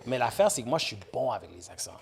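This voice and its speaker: A man, a guest artist in casual podcast banter, animated and mixing in English slang. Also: medium pitch, rapid-fire, gravelly, crowd noise. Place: podcast studio.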